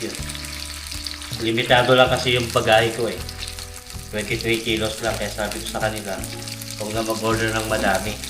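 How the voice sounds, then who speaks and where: A man's voice: lowish voice, little pitch movement, normal speed, long pauses, over music. A Filipino man chatting casually to vlog viewers in an informal way, with a slight lisp from missing front teeth. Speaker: vlogger. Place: home kitchen while cooking.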